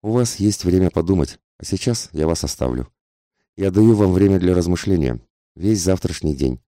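Man voicing a desperate, passionate society woman in an audiobook, intense pleading, very deep dark voice. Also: expressive, moderate pace, no room sound, clean studio sound. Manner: intense, whispering-angry pleading.

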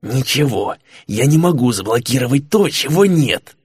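A man voicing a tense cleric inquisitor who hisses his words quietly and low. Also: animated, normal speed, husky, no echo, studio quality. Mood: tense hushed. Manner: hissing, low and hushed.

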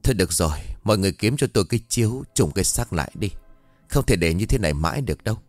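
Calm old village chief done by a guy, lowish voice, explains things steady. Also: no echo, soft background music, natural voice. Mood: commanding. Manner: measured, explaining.

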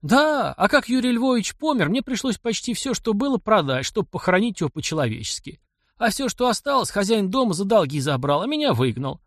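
A man's voice: fairly high pitch, sing-song, a little fast, fairly bright tone, no echo, studio quality, voice pushed up. A man reading the part of a destitute old male servant who speaks in a plaintive, folksy, old-fashioned way. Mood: tearful lament.

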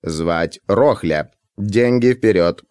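A man voicing a rickety patchwork robot with a metallic, grating voice and flat, mechanical delivery. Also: on the low side, smooth, no room sound, studio quality. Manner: slow, flat, mechanical repetition. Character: rickety patchwork robot automaton, male, mournful. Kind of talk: audiobook character voice.

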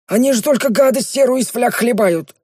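Brief: shrill, husky-edged sly servant for a storybook, fawning, always excusing himself, lots of "sir". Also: male voice, brisk, a little mellow, no echo, studio quality. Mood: wheedling. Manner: wheedling, excuse-making, stammers when scared. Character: sly fawning red-haired male servant, wheedling.

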